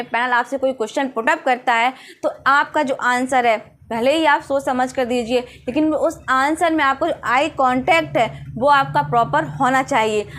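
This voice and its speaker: A young woman vlogger with a high-pitched, slightly bright voice gives earnest, coaching advice on preparing for interviews in a casual way. She often asks "है ना?"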